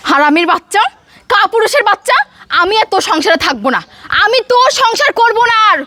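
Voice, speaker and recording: Hostile young wife, very high and quick, woman cast. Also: animated, dry recording, exaggerated voice. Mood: angry. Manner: taunting, insulting, rapid-fire shouting. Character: sharp-tongued young wife, defiant and hostile. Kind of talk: melodramatic family drama acting.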